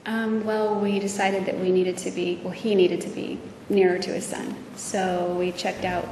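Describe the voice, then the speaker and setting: Woman, courtroom recording, witness testimony, hesitant, gravelly, echoey hall with background noise. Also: medium pitch, flat delivery, darkish tone, recorded from a distance. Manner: hesitant, many pauses and fillers.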